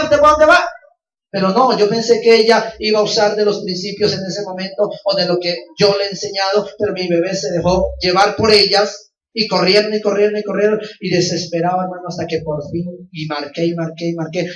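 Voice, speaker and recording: Male pastor, high voice, impassioned testimony sermon, roomy, dull church sound. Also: far from the mic. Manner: impassioned, repeats phrases and keeps calling out to his listeners.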